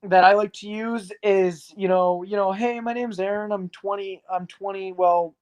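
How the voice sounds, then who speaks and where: The sound is lo-fi, carrying a smooth, high-pitched male voice at normal speed with fairly even intonation. He's an arcade business owner in his early twenties, rambling frankly with lots of fillers during a casual interview.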